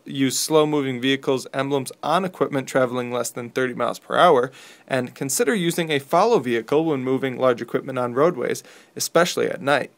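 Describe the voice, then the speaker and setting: A man with an American accent reading scripted local news as a radio newsreader. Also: mid-range voice.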